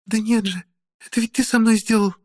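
A man's voice: fairly even intonation, a little fast, no echo, studio quality, lightly acted. A man voicing a young flustered woman. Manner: high, strained falsetto.

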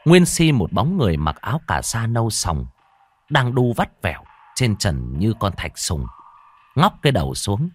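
A man narrating a horror story with a dramatic, expressive reading. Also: on the low side, moderate pace, slightly rough.

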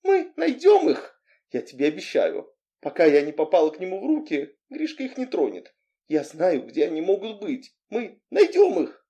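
Guy voicing a desperate young woman, sharp-tongued, high and lively, mellow tone. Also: moderate pace, full character voice.

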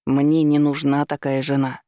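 A man's voice: fairly high pitch, level tone, moderate pace, mellow, smooth, no echo, studio quality, lightly acted. A man voicing a blunt, irritated young man who speaks in a curt, dismissive way.

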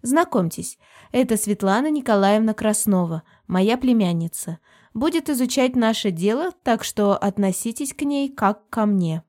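A woman reading an audiobook voices a tough middle-aged businesswoman aunt who speaks firmly and briskly. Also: fairly high pitch, expressive, a little mellow, pitched above the performer's own voice, lightly acted. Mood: assertive. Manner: firm, brisk, matter-of-fact. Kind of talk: audiobook character voice.

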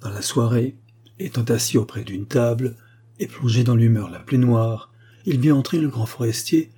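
A man narrating a classic novella in a steady, even reading. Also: medium pitch, moderate pace, breathy edge.

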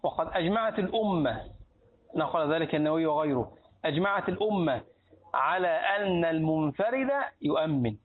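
Lively Egyptian sheikh teaching, tinny recording. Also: male voice, fairly high pitch, moderate pace, husky. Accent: Egyptian Arabic. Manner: lively teacher, asks the class questions and answers them himself. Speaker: sheikh teaching a hadith book. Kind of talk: Islamic lesson in a mosque.

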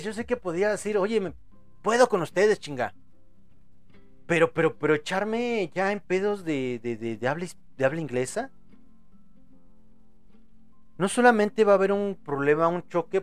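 A young man with a Mexican accent and a high voice rambles through a live podcast chat, looping on repeated words and crude slang. Faint music plays underneath. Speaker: podcast host.

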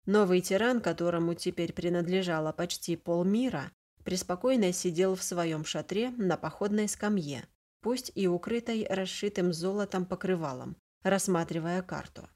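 A woman narrating an adventure novel aloud, reading the characters' lines in a lightly voiced, even manner. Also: fairly low pitch, normal speed. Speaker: audiobook narrator. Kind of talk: scripted narration.

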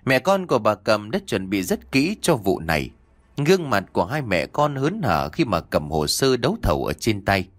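Male horror storyteller, low and animated, dry studio sound. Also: moderate pace, no room sound. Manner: lively, dramatic storytelling. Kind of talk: scripted horror narration.

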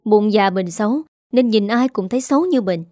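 A woman's voice: medium pitch, moderate pace, mellow, dry recording, natural voice. Woman reading a stern older father, scolding, curt, dry. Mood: cold.

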